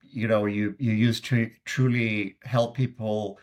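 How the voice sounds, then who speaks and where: The guest, a middle-aged Swedish man with a Swedish accent, has a fairly low, darkish voice with little pitch movement and a slow pace. He answers conversational interview questions uncertainly, often restarting and filling pauses.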